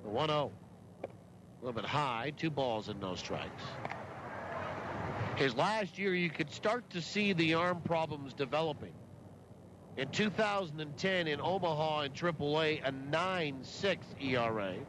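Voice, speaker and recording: Male baseball radio announcer, higher-pitched voice, measured play-by-play delivery, clear outdoor ballpark noise behind. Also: expressive. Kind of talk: live sports commentary. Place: outdoor ballpark broadcast booth.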